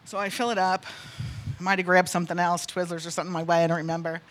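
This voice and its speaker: A woman from North Carolina telling a church congregation a personal story, animated and acting out the people in it. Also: lowish voice, racing. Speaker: church speaker. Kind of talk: storytelling testimony.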